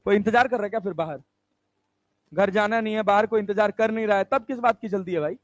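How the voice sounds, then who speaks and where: A man's voice: high-pitched, fast, dry recording. A man teaching a physics class, coaxing the students and constantly asking whether they follow. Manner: coaxing, asks constant check questions.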